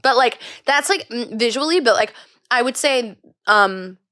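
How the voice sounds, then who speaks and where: A young woman in her twenties, a podcast guest chatting casually, excitable, often gasping and acting out quotes, with lots of fillers. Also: fairly high pitch, a little slow, dry recording, clean studio sound. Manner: excitable, gasps and acts out quotes, many fillers. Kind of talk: casual chat.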